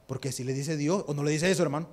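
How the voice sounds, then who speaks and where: High-voiced Salvadoran preacher. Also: male voice, rapid-fire. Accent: Salvadoran Spanish. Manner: rhetorical questions to the congregation, calling them brother; homely, folksy examples. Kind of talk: sermon.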